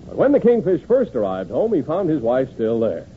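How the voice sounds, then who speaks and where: A man's voice: huge pitch swings, moderate pace. A man announcing and setting the scene in a scripted radio show, heard through an old AM radio broadcast. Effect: old AM radio broadcast sound. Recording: tinny old AM radio broadcast with faint rumble.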